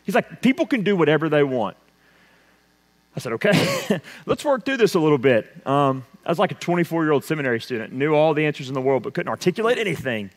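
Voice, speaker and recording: A man preaches from the pulpit, his somewhat high voice carrying a long church reverb. He drives his points with loud emphasis, then drops to a hushed, intense delivery. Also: sing-song, fast talker. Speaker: pastor. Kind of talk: sermon. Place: church sanctuary.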